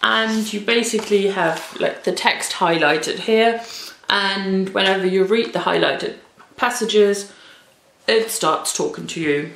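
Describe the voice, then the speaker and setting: Chatty woman with a creaky, echoey sound. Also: medium pitch, slow pace, fairly bright tone, a little hiss or hum. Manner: chatty, informal, self-deprecating asides. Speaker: children's book reviewer. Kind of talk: casual vlog-style book recommendations. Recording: roomy, echoey indoor sound.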